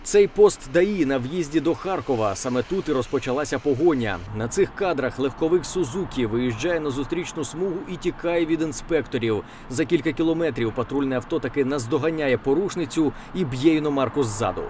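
A man's voice: medium pitch, lively intonation, a little mellow, slight background noise. A man narrating a news report as a formal, scripted voice-over. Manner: measured, formal.

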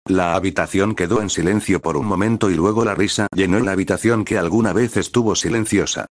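A man reading a fan story aloud in steady, even narration. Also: low-pitched, a little fast, no room sound. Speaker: fan fiction reader.

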